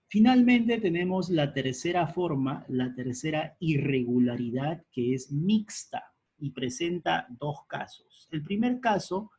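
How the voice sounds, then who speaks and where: A man teaching a grammar lesson at a board, spelling out letters and repeating key words deliberately. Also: medium pitch, a little mellow, slightly rough.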